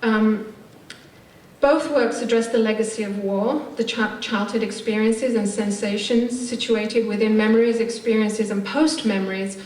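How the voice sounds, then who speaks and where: Unhurried and steady, a woman with a mid-range, slightly mellow voice and an English accent gives a panel talk at a conference. She's a theatre maker of Turkish Cypriot immigrant background whose academic, articulate phrasing carries some hesitation. A distant mic in the conference room yields echo and background noise.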